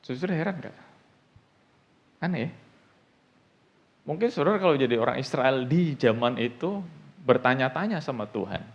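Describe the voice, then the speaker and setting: A man preaching a sermon in an animated way, often asking the congregation rhetorical questions, with an Indonesian accent. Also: mid-range voice, normal speed, pauses often. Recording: dull lo-fi sound.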